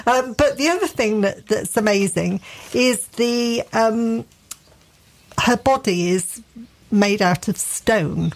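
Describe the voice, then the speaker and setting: A woman's voice: on the high side, takes it slowly. A middle-aged woman from England with a Derbyshire accent, co-hosting a radio gardening show in chatty, enthusiastic casual talk full of fillers and restarts. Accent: English, Derbyshire.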